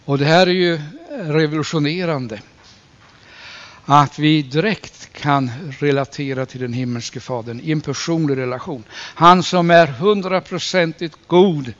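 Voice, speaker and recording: A man preaching a sermon in an earnest way, slowing down to stress key phrases and rising when he quotes scripture. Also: fairly high pitch, a bit bright. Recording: dull lo-fi recording.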